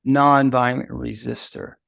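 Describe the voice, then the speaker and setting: An older man telling stories as an interview guest, halting and full of restarts. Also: medium pitch, level tone, creaky, fairly bright tone, no room sound, clean studio sound. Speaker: guest, activist mentor. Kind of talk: reflective storytelling in conversation.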